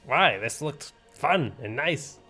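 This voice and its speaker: A man's voice: a little high, lively intonation, takes it slowly, pushed and bright, slightly rough, soft background music. A man playing a tabletop game, chatting and role-playing casually and playfully.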